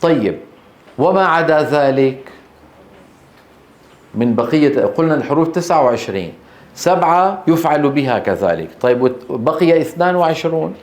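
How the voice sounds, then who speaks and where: A man's voice: on the high side, expressive, a little mellow. Man teaching in an echoey room. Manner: drawn-out demonstration of letter sounds, frequently checking the class. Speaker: Quran recitation teacher. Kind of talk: classroom lecture. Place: classroom.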